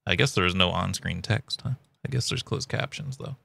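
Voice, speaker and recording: A man's voice: low-pitched, normal speed, gravelly. A man giving casual, chatty commentary as a video host, recorded up close at home.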